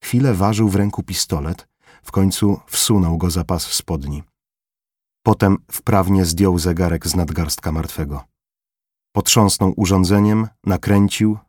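A man reading a novel aloud in measured, grave scripted narration. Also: low voice, a little mellow, slightly rough, dry recording, studio quality. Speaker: audiobook narrator.

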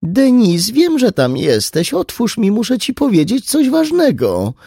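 A man's voice: high voice, wildly swooping pitch, measured pace, vocal fry, dark tone, husky, dry recording, studio quality, voice pushed up, heavily acted. A man voicing a middle-aged mother who pleads and coaxes her daughter through a closed door. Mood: pleading. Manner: pleading, coaxing.

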